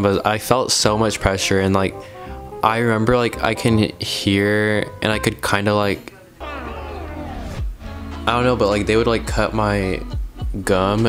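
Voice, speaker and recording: A young man chatting casually to camera in a hesitant, rambling way, with a slight lisp from wearing retainers. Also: fairly low pitch. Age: young adult. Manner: hesitant, rambling speech full of "like". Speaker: video blogger.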